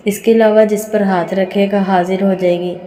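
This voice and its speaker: A proud courtesan madam lays down the law with firm restraint, read by a woman storyteller. Her voice is dark and flat in pitch. The room adds a long echo. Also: normal speed, slight background noise, natural voice. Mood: stern. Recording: reverberant room.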